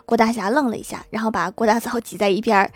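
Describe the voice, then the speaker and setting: A woman hosting a comedy podcast, reading out funny anecdotes in a lively, playful way and laughing at her own punchlines. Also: a little high, fast talker, dry recording. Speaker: podcast host.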